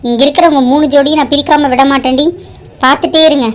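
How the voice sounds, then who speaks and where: A woman voicing a scheming, vengeful middle-aged mother in a cartoon drama, shrill and accusing. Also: fairly even intonation, fast talker, natural voice. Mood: threatening. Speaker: mother of the bride. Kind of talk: Tamil cartoon drama voice acting.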